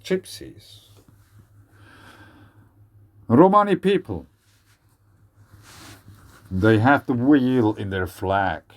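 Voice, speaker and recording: A Swiss man in his forties, with a Swiss German accent, rambles through a casual solo monologue for his video. His mid-range voice swings widely in pitch, and he draws out words, pauses often, and hesitates with many fillers and restarts.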